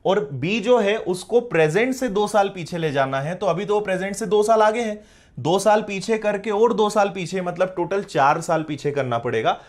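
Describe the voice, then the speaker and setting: High-voiced Hindi-speaking maths teacher. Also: male voice, normal speed. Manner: explains step by step, checks often if students follow. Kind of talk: live online maths class.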